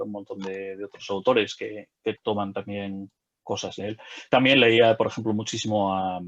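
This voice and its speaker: Hesitant middle-aged man, lo-fi call. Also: lowish voice. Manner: hesitant, many fillers and restarts. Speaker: game designer and illustrator. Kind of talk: casual interview chat.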